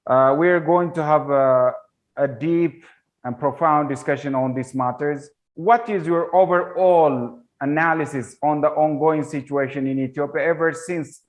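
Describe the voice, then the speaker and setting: A man's voice: fairly high pitch, measured pace. A man hosting a TV interview who speaks in a formal manner with frequent hesitations. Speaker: TV interview host.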